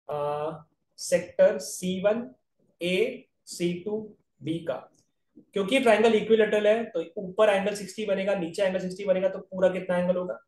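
A man with an Indian accent and a high, darkish voice teaches an online geometry lesson for aptitude exams, sounding far from the mic in a reverberant space. He works through each step and keeps checking in with his students by asking "right?".

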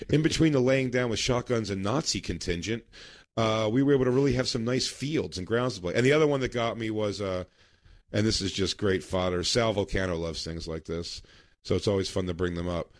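A man's voice: on the low side, a little fast, no room sound, clean studio sound. A man co-hosting a podcast in casual chat, a telling rambling stories and laughing mid-sentence. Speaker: podcast co-host.

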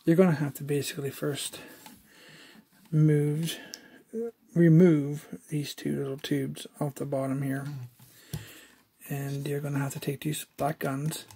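A man's voice: on the high side, dark tone, breathy edge. Casual man narrating a toy unboxing. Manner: conversational, explains step by step with fillers. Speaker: toy collector reviewer.

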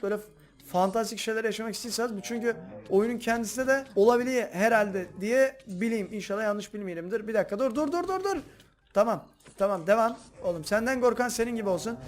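A man hosting a game video, chatting casually and excitably to his viewers as he plays. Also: extremely high pitch. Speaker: gaming video host. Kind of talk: casual gameplay commentary.

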